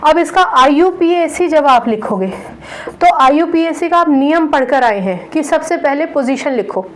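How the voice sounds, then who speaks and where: A woman's voice: high voice, animated, low-quality recording. A woman teaching a chemistry lesson, patiently walking students through naming compounds and often checking in as she goes. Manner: counts out carbons slowly. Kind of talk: online classroom lecture.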